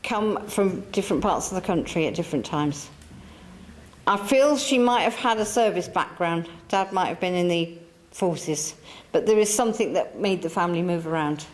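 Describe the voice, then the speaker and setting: An English spiritualist medium speaks to a church hall audience in a fairly low voice with lively intonation at normal speed. Her manner is chatty and coaxing, circling back and repeating itself.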